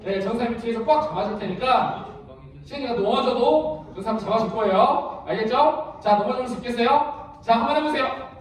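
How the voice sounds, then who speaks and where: A man's voice: very high voice, a little fast. A man, a youth ministry pastor, giving an interactive sermon to children at a church retreat, quizzing the kids and calling them by name. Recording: echoey hall, far from the mic, children's crowd.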